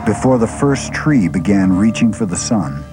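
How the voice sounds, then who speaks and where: A man narrating a public service announcement in a slow, solemn, deliberate way. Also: lowish voice, lively intonation. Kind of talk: scripted dramatic narration. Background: music.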